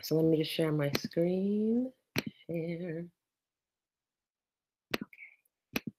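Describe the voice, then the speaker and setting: A woman's voice: lowish voice, extremely slow, background noise. A woman in her thirties from the United States, giving a casual, thoughtful research talk over a laptop video call with frequent fillers. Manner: conversational, thoughtful, many fillers. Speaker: PhD candidate presenting research. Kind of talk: casual online presentation. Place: indoor room.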